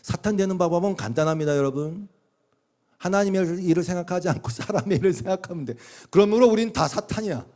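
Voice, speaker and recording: Animated pastor preaching, slightly high voice. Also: male voice, fast. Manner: animated, acts out quoted voices with big pitch swings; conversational, asks the congregation questions. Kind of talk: sermon.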